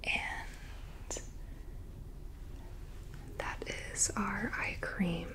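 Woman, whispered role-play as spa attendant. Soft, breathy, unhurried and soothing. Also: medium pitch, fairly even intonation, poor audio. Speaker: ASMR host playing a spa beautician.

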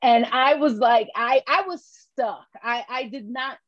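A woman from Haiti, a podcast guest, telling her personal story in a reflective, candid way with halting restarts. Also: on the high side, no room sound, lo-fi sound. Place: New York.

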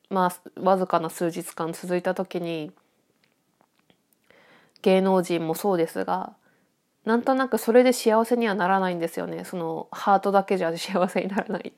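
A woman speaks at a medium pitch with a congested, nasal sound, as if her nose is blocked. She chats informally on her own like a podcast host, thinking aloud in a reflective, slightly hesitant way. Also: a little mellow. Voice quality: stuffy-nosed, nasal voice. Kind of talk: casual solo chat, thinking aloud.

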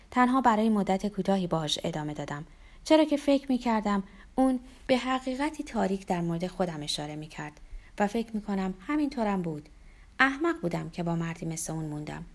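A woman narrating a first-person novel aloud in a wry, bitter, confessional manner. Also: medium pitch. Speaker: audiobook narrator.

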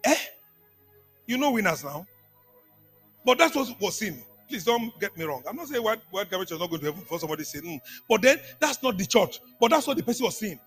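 A man preaching a sermon, calling out to the congregation and repeating phrases, swinging from hushed asides to shouts. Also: high voice, big pitch swings, brisk, breathy edge, faint music behind. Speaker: apostle preaching.

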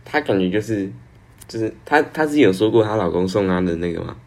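A man's voice: lowish voice, expressive, fast. A teenage boy from Taiwan, co-hosting a casual podcast and giving short, laid-back replies. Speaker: podcast co-host. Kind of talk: casual chat.

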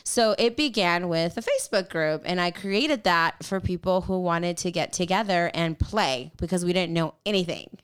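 A woman with a smooth, clear voice talks in a relaxed conversational way about her work as a photographer. She slips into acted-out voices when she quotes people, giving her talk an animated feel. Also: lowish voice, normal speed, hardly any pauses. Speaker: photographer and group organizer. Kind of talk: casual podcast-style chat.

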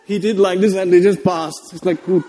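A man with a Malayali Indian English accent preaches a sermon to a congregation in a conversational, joking, exhorting manner, with exclamatory call-outs and frequent calls for amens. His voice is high-pitched, mellow and brisk, with fairly even intonation. The recording is in an echoey hall with long reverb.

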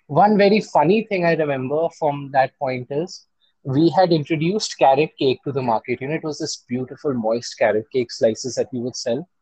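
A man's voice: on the high side, moderate pace, a little mellow, no room sound, low-quality recording. A man with an Indian accent speaking as an interview guest, chatting casually and telling stories about running his own business. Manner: chatty, switches between English and Hindi.

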